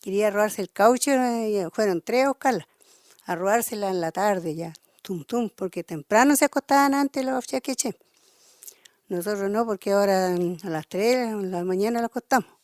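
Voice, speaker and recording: A woman with a Chilean accent telling a traditional folk tale aloud, halting and often restarting her phrases. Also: mid-range voice, darkish tone, dry recording, studio quality. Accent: Chilean Spanish. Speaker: storyteller.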